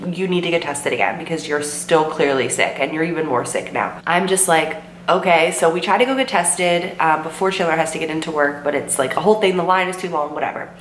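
Talking a little fast in a low-pitched voice, a sick vlogger in her twenties rambles through a storytime for her camera, her voice worn and her throat sore. Her chatty delivery is loaded with "like" and "um," and she quotes herself. The setting is her bedroom with bookshelves, the camera sits in front at desk distance, and the recording is roomy with a faint hum.

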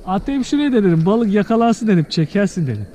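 Young male fishing vlogger, outdoors by a stream, excitable and loud at catches, high mellow voice. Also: quick pace, slight background noise, poor audio. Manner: excitable, exclaims loudly at each catch. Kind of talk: casual outdoor vlog chat.

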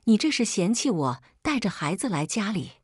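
A woman's voice: medium pitch, big pitch swings, moderate pace, darkish tone, husky, no room sound, clean studio sound. A woman voicing a pushy sister-in-law who speaks in an indignant, scornful way.

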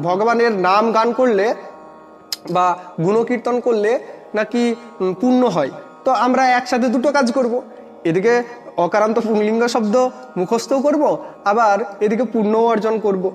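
A man's voice: very high-pitched, long reverb tail. A man teaching a Sanskrit grammar lesson in a patient way, asking questions and answering them himself.

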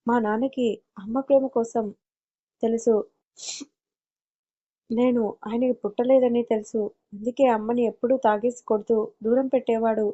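A woman's voice: fairly high pitch, steady tone, moderate pace, long pauses, dark tone, lightly acted. A woman reading the lines of a grieving young woman who asks tearful, pleading questions in a storybook audio tale. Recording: dull lo-fi audio.

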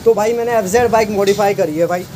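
A fast-talking man with a high-pitched voice, this bike mechanic and channel host gives a casual walkaround of his outdoor repair shop, bragging about his work. He's chatty, calls everyone "bro," and says "bhai" constantly. Shot on a phone camera with him off screen, the clip carries noisy street and traffic sounds.

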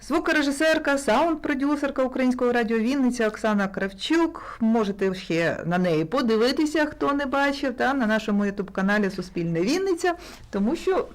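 A woman's voice: fairly high pitch, animated, a little fast. A woman with a Ukrainian accent hosting a morning studio show, asking long rambling questions with fillers. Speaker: radio morning show host. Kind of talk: casual studio interview.

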